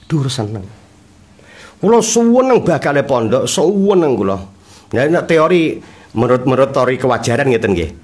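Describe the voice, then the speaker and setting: A man's voice: medium pitch, moderate pace. A man, a cleric giving a humorous sermon lesson and acting out the voices in his stories. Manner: animated storytelling, acting out dialogue, frequent laughter from listeners. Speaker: Islamic cleric teaching a religious text. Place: religious study gathering.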